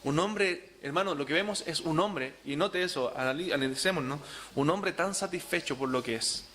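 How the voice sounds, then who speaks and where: High, bright-voiced pastor preaching. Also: male voice, moderate pace, slight background noise. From Chile. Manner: emphatic preaching, repeats words, asks congregation rhetorical questions. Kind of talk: sermon.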